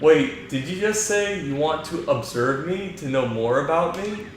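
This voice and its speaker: A man's voice: a little high, animated, a little slow, heavy reverb, slight background noise, voice pushed up. A man doing a polite young princess. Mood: bright. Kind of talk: reading game dialogue aloud.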